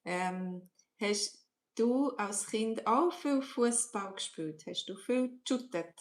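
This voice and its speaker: Teaching languages on a live stream, a middle-aged Swiss German-accented woman with a mid-range voice repeats her questions to the audience at a slow pace and shifts into English.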